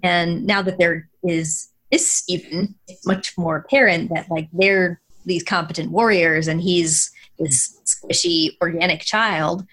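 A woman's voice: fairly low pitch, fairly even intonation, a little slow, few pauses, a bit bright. A woman co-hosting a casual fan discussion podcast, chatty, with frequent laughs and fillers. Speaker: podcast co-host.

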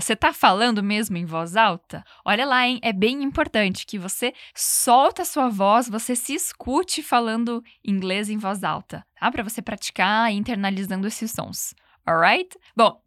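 Lady teacher doing english repeat-after-me drills, kinda high voice, super dry close mic. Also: a bit bright, no echo. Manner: clear, encouraging, slows down to model pronunciation. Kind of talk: bilingual language lesson, repeat-after-me drills.

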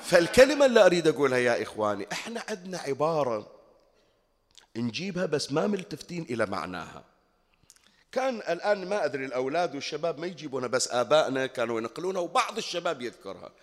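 Man, Bahraini accent, colloquial sermon, rhetorical questions to the crowd, raised voice, very animated pitch, long hall echo. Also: rapid-fire. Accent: Bahraini Arabic. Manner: asks the audience rhetorical questions. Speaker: preacher at a mourning gathering. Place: mourning hall.

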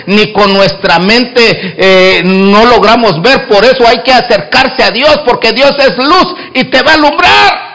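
A male pastor preaching with a high, lively voice and a bright, forceful edge. He drops to hushed asides and then rises to loud exclamations, voicing both sides of the conversations he recounts. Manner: acts out both sides of dialogues within his preaching. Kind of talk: sermon.

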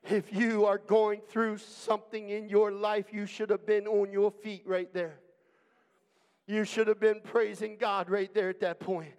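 A man's voice: sits high, little pitch movement, measured pace, a little mellow, smooth. A man preaching an impassioned church sermon as pastor, emphatic and declamatory, building on repeated phrases. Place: church hall during a service. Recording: long reverberant hall sound.

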